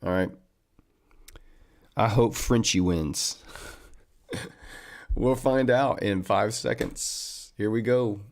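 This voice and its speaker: A man's voice: fairly low pitch, slow pace, creaky, long pauses. A man hosting a trading livestream, chatting casually and upbeat with viewers and calling them man and buddy.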